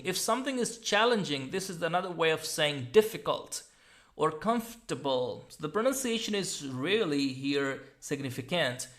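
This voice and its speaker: A man with an Indian English accent teaching English exam skills, slowly explaining words and repeating points. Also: on the high side, a bit bright. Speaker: IELTS teacher. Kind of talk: explaining an exam model answer.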